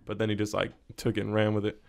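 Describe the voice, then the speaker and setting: A man's voice: fairly low pitch, monotone, fast talker, creaky. A man in his twenties co-hosting a podcast, chatting casually and loosely with lots of slang, close on a studio mic in a small room. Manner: slangy, loose, keeps saying bro and hella. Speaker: podcast co-host. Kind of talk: casual chat. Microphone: studio mic on boom arm, wearing headphones.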